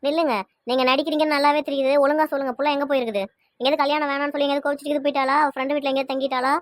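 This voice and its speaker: A woman voices a worried mother in a homemade family drama, speaking at a breathless clip in a high, narrow voice. She hurls question after question. The recording is dry, with no room sound. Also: little pitch movement, no echo, close to an everyday voice. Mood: accusing. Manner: rapid pleading questions, fretful. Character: anxious mother fretting over missing daughter. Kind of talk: amateur family web drama.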